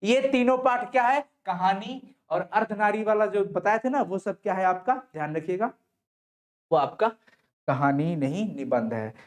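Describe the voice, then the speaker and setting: A man's voice: sits high, measured pace. Male teacher, online class. Reads out a passage, explains it, and asks questions he answers himself, in a reassuring, coaxing way. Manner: reads the text aloud, then explains it and answers his own questions. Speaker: Hindi teacher.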